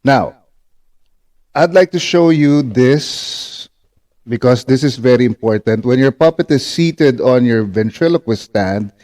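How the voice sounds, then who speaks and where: A man's voice: medium pitch, measured pace, a little mellow. A man giving an instructional demonstration as a teacher, patient and repetitive, often checking in with short tag questions. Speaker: ventriloquism instructor.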